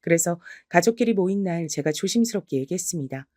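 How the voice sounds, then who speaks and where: A middle-aged woman narrates a true-life story in a steady, confiding first-person voice. The recording is dry and close, with no room sound at all. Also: fairly low pitch, fast talker, no echo.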